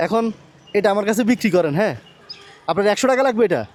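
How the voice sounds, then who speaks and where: A man with a Bangladeshi Bengali accent chatting on a city street outdoors, asking quick, coaxing, reassuring questions. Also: sits high, expressive, darkish tone, a little hiss or hum. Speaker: charity vlogger interviewing a street seller. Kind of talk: casual street conversation.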